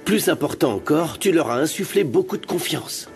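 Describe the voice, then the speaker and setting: A man's voice: fairly high pitch, animated, moderate pace. An actor playing a fiancé who proudly praises his future wife, in a dubbed telenovela. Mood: affectionate. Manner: warm praise.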